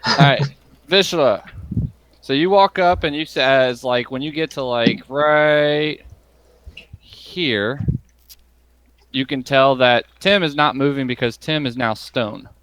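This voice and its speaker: A man serving as game master at a tabletop session. He narrates in a loose, rambling way, leaning on fillers as he goes. His pitch sits in the ordinary middle range for a man. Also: slow, long pauses, fairly bright tone, clean tone, no room sound.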